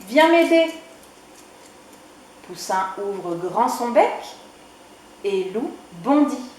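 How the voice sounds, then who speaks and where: Slow storytelling woman, echoey room. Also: fairly high pitch. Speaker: librarian reading to children. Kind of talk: children's storybook reading.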